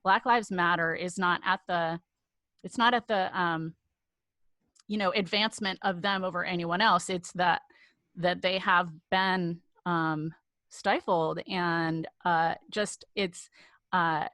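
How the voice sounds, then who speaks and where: A woman hosting a podcast, speaking earnestly and haltingly with many fillers. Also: lowish voice, fairly even intonation, sharp tone, no room sound. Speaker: podcast host. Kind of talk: podcast interview.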